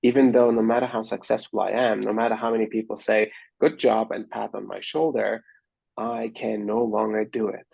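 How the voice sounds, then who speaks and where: Gravelly, husky man telling his story. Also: lowish voice, level tone, normal speed, darkish tone, dry recording, rough recording. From Austria. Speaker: guest. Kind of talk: reflective interview storytelling.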